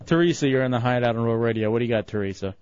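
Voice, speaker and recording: A man hosting a talk radio show, bantering with his co-host and taking callers, quick to protest when teased. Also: medium pitch, darkish tone. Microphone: studio broadcast mic. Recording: dull lo-fi radio broadcast.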